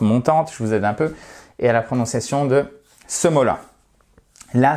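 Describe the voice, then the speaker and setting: A man's voice: medium pitch, darkish tone. Male teacher, casual online lesson, chatty, reassuring, friendly asides. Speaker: English teacher.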